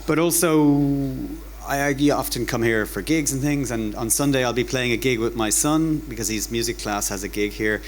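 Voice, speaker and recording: At a talk night in a bar, an Irish academic gives an informal public lecture. His medium-pitched voice moves at a moderate pace, conversational and wry, and he often repeats words as he goes. Slight background noise is audible.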